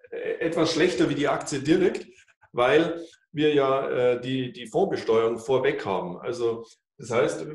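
A man's voice: mid-range voice, a little mellow. A man in his fifties, a financial advisor presenting at a whiteboard in an office, explaining with many fillers and restarts. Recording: echoey office, mic far off.

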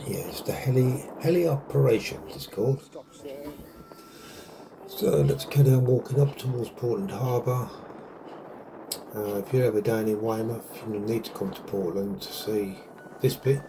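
Out on a windy seaside path, a vlogger tour guide talks casually into a handheld camera mic, rambling and leaning on many fillers. His voice is lowish and a little slow, with frequent pauses. Wind noise and background music fill the recording.

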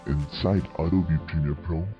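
A man's voice run through a deep pitch-shifter effect, reading a test line slowly and flatly. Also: lo-fi sound, faint music behind.

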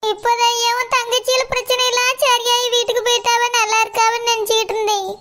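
A woman's voice: very high voice, little pitch movement, fast talker, bright, forceful tone. A woman with a Tirunelveli Tamil accent voicing a cartoon family drama, talking in a tearful, pleading way. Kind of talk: cartoon voice acting, doing every role.

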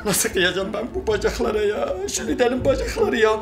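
High-voiced, melodramatic stubborn man. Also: sing-song, a little fast, music in the background. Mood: indignant shouting. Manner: melodramatic, whining exclamations. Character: excitable, stubborn man besotted with his illustrated book. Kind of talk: TV comedy drama acting.

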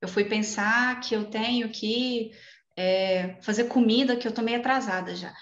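A woman speaker talks through mindfulness in a lively, engaged way, weaving in everyday examples. Her voice sits at an ordinary pitch for a woman. It comes over a video call with a roomy echo and muffled, dull sound. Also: a little slow. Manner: lively, warm, uses personal examples. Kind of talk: explanatory talk in an online meeting.

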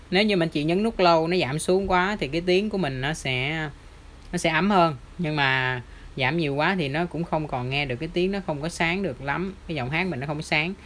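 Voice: mid-range voice, a bit bright, a little hiss or hum. An audio shop presenter with a Southern Vietnamese accent, walking viewers through a device demo step by step in a chatty, pointing manner. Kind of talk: product demo tutorial.

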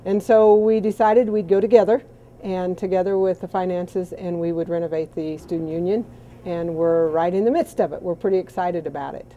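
Lower-voiced woman, enthusiastic and chatty. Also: fairly even intonation, a little fast, phone-quality sound, slight background noise. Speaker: college foundation representative. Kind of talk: on-camera interview. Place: large indoor student union hall.

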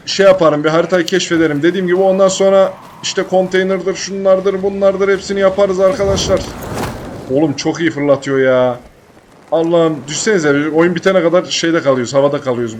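A man's voice: fairly high pitch, a little hiss or hum. Chatty young man playing a game. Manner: loud joking swearing banter at the game. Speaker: gaming YouTuber. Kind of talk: casual let's-play commentary.

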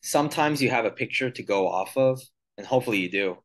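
A man in his thirties with a medium-pitched, expressive voice talks fast while co-hosting a casual podcast over a video call. He's thoughtful, thinking aloud, searching for words and reaching for analogies.

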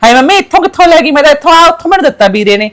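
A woman's voice: high-pitched, lively intonation, rapid-fire, fairly bright tone. A young woman with a Punjabi accent acting a tearful, pleading sister in a village drama. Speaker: married daughter visiting cousin for Rakhi.

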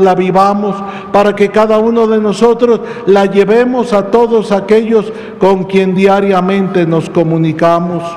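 Man, priest, solemn measured homily, high voice, unhurried delivery, long church reverb. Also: a little mellow. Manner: slow, solemn, measured phrasing. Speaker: priest celebrating Mass. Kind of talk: homily and liturgical prayer. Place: large church.

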